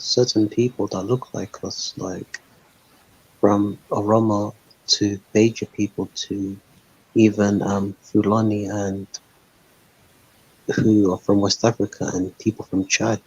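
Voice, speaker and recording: Husky low-voiced man on a lo-fi stream call. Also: flat delivery, slow. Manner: rambling, heavy use of "like" and "um". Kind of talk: casual online panel discussion. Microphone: voice call over a live stream. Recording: dull lo-fi stream call audio.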